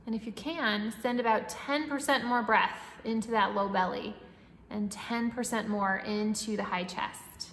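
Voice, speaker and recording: A woman leading a guided breathwork meditation in a soothing, instructing manner, with long pauses and audible breathing and sighs. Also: on the high side, steady tone, a bit bright. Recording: echoey reverberant room, faint background noise.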